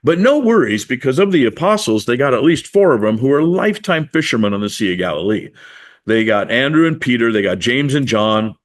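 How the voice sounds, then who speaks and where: A man's voice: medium pitch, big pitch swings, fairly quick. A man preaching a sermon in a conversational, storytelling way, acting out the people he quotes. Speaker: pastor.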